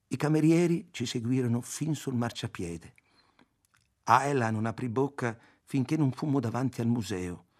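A man reading a novel aloud as the narrator, in a measured, even delivery. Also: mid-range voice, slightly rough. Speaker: audiobook reader. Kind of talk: scripted literary narration.

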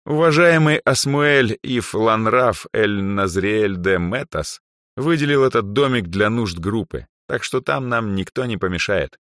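A man's voice: on the low side, a little slow, a bit bright, no echo, studio quality, pitched above the performer's own voice. A man doing a genial, polite older organizer. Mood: pleased. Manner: courteous, smooth, good-natured.

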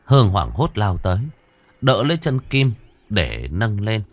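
A man narrating a horror story, dramatic and expressive. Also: lowish voice, measured pace, no room sound.

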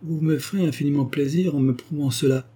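A man's voice: medium pitch, fairly quick, warm tone, breathy edge, natural voice. A man voicing a miserly old rustic wood merchant who talks bluntly and mockingly, in an audiobook. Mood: gruff.

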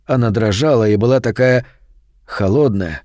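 A man narrating a horror audiobook in a steady, measured way. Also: medium pitch, no room sound, studio quality. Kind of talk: scripted narration.

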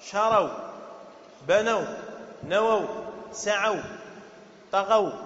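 A man's voice: high voice, a bit bright. A man teaching a grammar lesson, quizzing his class and repeating key words. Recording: dull echoey hall recording.

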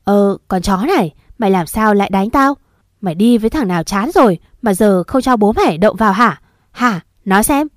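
A woman's voice: medium pitch, expressive, normal speed, no echo, studio quality, lightly acted. A woman voicing a drunk, abusive old husband who snarls vulgar threats in a storybook narration. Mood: furious.

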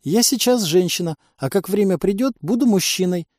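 A man voicing a frightened, naive female alien captive in an audiobook, with a squeaky, puzzled, childlike manner. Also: animated, moderate pace, warm tone, dry recording, clean studio sound. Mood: squeaky bewildered.

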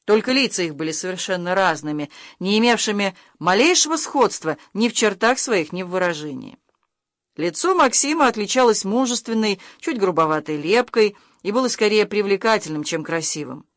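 Measured audiobook narrator, dry sound. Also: medium pitch, no echo. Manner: even, measured storytelling, reads footnotes aloud. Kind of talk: scripted narration.

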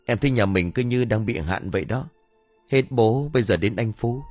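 A man voicing a grieving young woman, the youngest sister, speaking softly through sniffles. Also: lowish voice, normal speed, soft background music, close to an everyday voice. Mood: sad. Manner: soft, sniffling.

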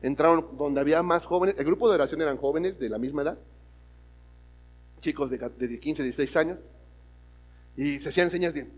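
A man preaching a sermon, telling a story and swinging from loud emphatic lines to hushed ones. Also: fairly high pitch, fairly quick, pauses often. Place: church hall. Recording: long reverb of a church hall.

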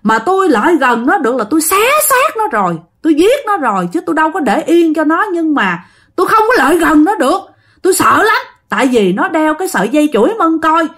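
A woman with a Southern Vietnamese accent voicing a vengeful female ghost who wails and threatens in a shrill, piercing voice. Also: sing-song, a little fast, fairly bright tone. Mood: anguished. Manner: wailing, spiteful threats.

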